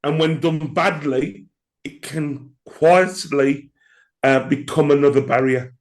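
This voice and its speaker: A man co-hosting a podcast, hoarse from the flu, speaking in a halting, reflective way. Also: on the high side. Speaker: podcast co-host. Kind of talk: casual podcast chat.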